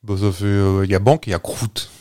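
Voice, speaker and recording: A man's voice: fairly low pitch, fairly even intonation, fast, a little mellow. Hesitant man teasing out clues. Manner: hesitant, many fillers, giving clues. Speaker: podcast co-host. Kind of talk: casual banter, quiz-style teasing.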